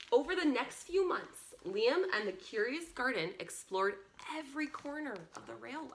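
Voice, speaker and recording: A woman's voice: fairly high pitch, a bit bright, slight background noise. A woman presenting a read-along story for young children, reading expressively and adding encouraging asides to her little listeners.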